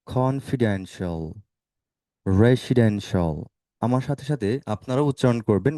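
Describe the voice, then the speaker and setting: A male teacher leading an online spoken English class, saying words slowly and asking students to repeat them. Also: medium pitch, mellow, no echo.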